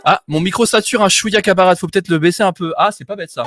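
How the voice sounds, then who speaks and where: A man's voice: high voice, fast, over music. A man hosting a live stream, joking and self-mocking in casual chat.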